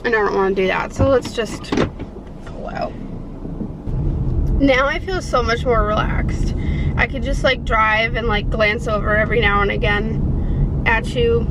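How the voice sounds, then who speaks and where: A young woman with a voice on the high side vlogs casually to her camera, first in a car and then at home, sounding congested from a sinus infection. She rambles with many fillers like "like" and "I don't know," and the recording is very noisy.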